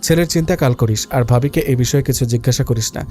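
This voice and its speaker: A man voicing a male doctor who talks to an old college friend in a calm, friendly and reassuring way. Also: medium pitch, quick pace, soft background music, natural voice.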